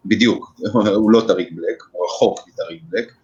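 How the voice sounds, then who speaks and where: Low-voiced podcast host, muffled lo-fi sound. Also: male voice, darkish tone, soft background music. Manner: hesitant, lots of fillers, steers the talk. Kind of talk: casual sports podcast chat. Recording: dull lo-fi audio.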